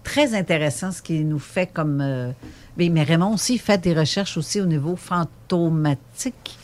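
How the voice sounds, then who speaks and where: A woman's voice: low-pitched, moderate pace, darkish tone. A woman with a Québécois French accent, co-hosting a podcast in a chatty, teasing way. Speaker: podcast co-host. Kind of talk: casual chat.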